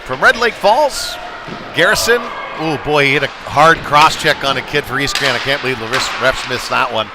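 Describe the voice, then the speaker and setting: A medium-pitched man speaking at normal speed does live, home-team-leaning play-by-play of a youth ice hockey game in a folksy manner. He's at the indoor rink, with loud ambience, bangs and slamming pucks behind him.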